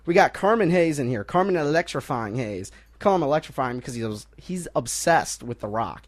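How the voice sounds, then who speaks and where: A young man hosting a casual sports talk radio show, joking and rambling between topics and quick to laugh. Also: mid-range voice, lively intonation. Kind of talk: casual college radio banter.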